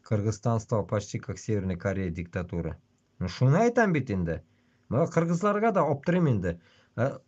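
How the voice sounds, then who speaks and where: A man with a husky voice, ranting casually and bluntly on a livestream with constant swearing. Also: medium pitch, darkish tone, muffled recording. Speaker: livestream host. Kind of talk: casual rambling livestream rant.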